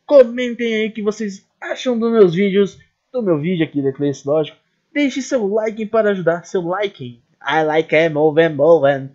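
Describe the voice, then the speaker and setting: A young man from Paraná, Brazil, chatting casually over a game, excitable and joking, with a lot of swearing. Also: sits high, normal speed. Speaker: gaming YouTuber. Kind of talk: casual gameplay chat. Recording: dull lo-fi recording.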